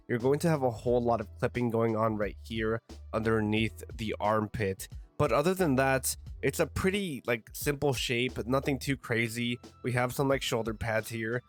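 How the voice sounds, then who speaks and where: A man with a congested, stuffy voice from a cold, giving a relaxed, rambling review of video game armor as a voice-over. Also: medium pitch. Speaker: gaming video creator. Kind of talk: casual gear review voice-over.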